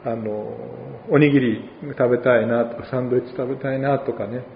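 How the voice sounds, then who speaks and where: A male pastor with an Oita accent preaches a sermon in a conversational way, with dialect asides and gentle humor. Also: mid-range voice, fairly even intonation, fairly quick, echoey room, long reverb tail, lo-fi sound, a little hiss or hum. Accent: Oita Japanese.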